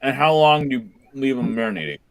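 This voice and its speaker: A man's voice: medium pitch, animated, fast talker, clear, resonant tone. A man hosting a casual chat, talking while he eats. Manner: chatty, talks with his mouth full. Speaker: podcast host.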